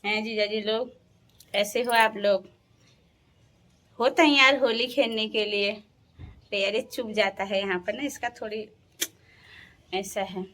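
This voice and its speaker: A woman's voice: mid-range voice, steady tone, a bit bright. A young woman from the Uttarakhand hills, chatting casually to her viewers as a vlogger and laughing often. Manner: chatty, laughs often, sings folk songs slowly. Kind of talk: casual storytelling.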